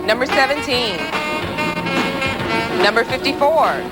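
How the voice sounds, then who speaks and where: A woman's voice: sits high, lively intonation, unhurried, poor audio. A woman calling out winning numbers as a lottery draw host, in scripted announcer style. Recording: loud music bed behind voice.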